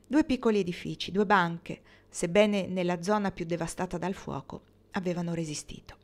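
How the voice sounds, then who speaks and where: A woman reading a novel aloud with steady, even narration. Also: on the low side, moderate pace. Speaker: audiobook reader.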